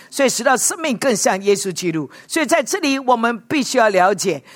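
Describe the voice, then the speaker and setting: A woman preaching a sermon in an animated way, often checking with her listeners through rhetorical questions and dropping in English words. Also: on the high side, dry recording, clean studio sound.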